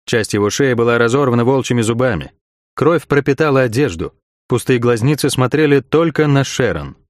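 A male narrator reads dark fantasy in a measured, dramatic manner, pitched in the middle range. The recording is close and bone-dry, with no room around it. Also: no echo. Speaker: audiobook narrator.

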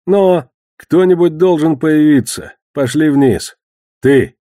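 A man reading an audiobook, voicing a menacing male moneylender who mocks and commands loudly. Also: on the high side, takes it slowly, no echo, studio quality, pitched above the performer's own voice. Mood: threatening. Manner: loud, mocking, commanding.

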